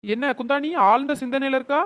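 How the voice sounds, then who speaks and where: A woman's voice: high voice, steady tone. A woman voicing a scheming village gossip. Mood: threatening. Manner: scheming, scolding, quick village banter. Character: scheming young village woman stirring up quarrels. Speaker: cartoon storyteller voicing the schemer Chinna Ponnu. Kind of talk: cartoon village comedy voice acting.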